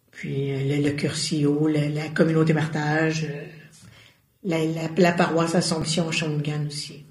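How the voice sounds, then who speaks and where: Speaking in a deep, darkish voice with a Québécois French accent, this interview guest talks earnestly and gropes for words mid-sentence. It's a casual conversation, captured with a roomy echo.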